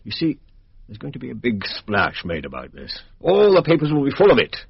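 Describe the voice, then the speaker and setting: An actor with an English accent playing a brisk, cocksure, middle-aged police inspector in a radio drama, blunt and colloquial. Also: male voice, medium pitch, huge pitch swings, gravelly, husky, dry recording, full character voice. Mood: scornful, certain. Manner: blunt, colloquial, self-assured. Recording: dull, band-limited radio drama recording.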